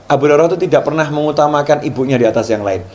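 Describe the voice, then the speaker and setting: A man's voice: on the high side, very fast, a little mellow. A middle-aged man preaching in a conversational storytelling way, often repeating and correcting his words as he explains. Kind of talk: sermon storytelling.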